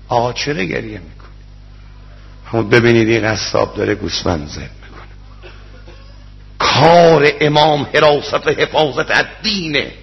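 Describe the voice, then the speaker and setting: A man's voice: mid-range voice, gravelly, fairly bright tone. A man preaching a sermon, telling stories with emotional quoted dialogue. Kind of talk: religious sermon with storytelling. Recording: dull lo-fi recording.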